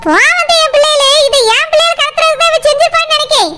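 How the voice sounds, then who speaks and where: A woman's voice: very high-pitched, over loud music. A woman voicing a furious village mother in a cartoon, scolding and accusing in a Kanyakumari Tamil accent. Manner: scolding, accusing, rapid-fire. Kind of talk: cartoon voice acting. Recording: loud background hiss.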